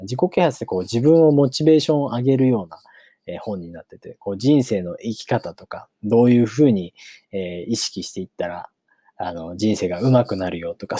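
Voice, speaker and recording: Man, story reader, relaxed pace with filler pauses, dark mellow tone, dry close sound. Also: fairly low pitch, no room sound. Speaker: channel host reading a novel aloud for learners. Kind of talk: casual chat, then story reading.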